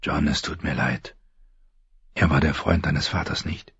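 A man voicing a hushed, curious young recruit. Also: a bass voice, a little slow, breathy edge, no room sound, dull audio, pitched below the performer's own voice, heavily acted. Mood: sympathetic. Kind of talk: audiobook reading.

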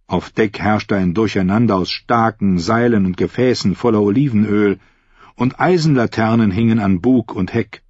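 Audiobook reader, low husky man, dry dull recording. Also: darkish tone, dry recording. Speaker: audiobook narrator. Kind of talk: scripted narration.

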